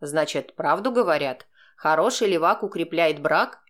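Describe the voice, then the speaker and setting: A smug young man drawls his taunts in a low, mocking voice that drips with insinuation, as a woman narrator puts him on. He sounds sure of himself and openly scornful, and his story voice sits well below her own. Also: expressive, moderate pace, a bit bright. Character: brash mocking male student, young man.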